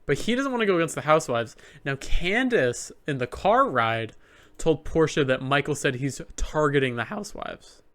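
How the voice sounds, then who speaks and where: A man's voice: a little high, expressive, moderate pace, a bit bright. A man co-hosting a podcast, chatting casually about a reality show, laughing often and using lots of fillers. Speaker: podcast co-host.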